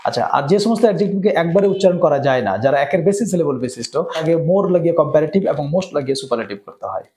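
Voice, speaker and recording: High-voiced man teaching grammar. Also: animated, a little mellow. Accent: Bengali. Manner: asks "right?" often, reads example sentences slowly. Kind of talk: explanatory lesson.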